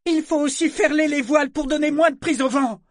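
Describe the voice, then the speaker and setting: A man voicing a frightened young boy who shouts orders on a ship in a storm, in a high, strained voice. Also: a little fast, dry recording, clean studio sound. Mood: desperate shouting. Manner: high, strained, desperate yelling.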